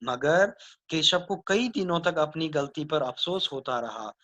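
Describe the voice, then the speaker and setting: A man's voice: fairly high pitch, expressive, unhurried, bright, forceful tone. Male teacher explaining a story. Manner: retelling and explaining plainly. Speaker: school teacher. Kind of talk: explaining a textbook story to children.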